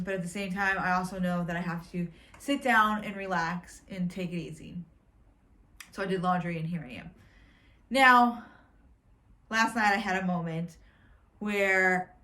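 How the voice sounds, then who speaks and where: A woman's voice: mid-range voice, a bit bright. A woman in her twenties telling her own story at home in a candid, emotional, rambling way. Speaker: vlogger. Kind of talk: personal vlog storytelling. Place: at home indoors.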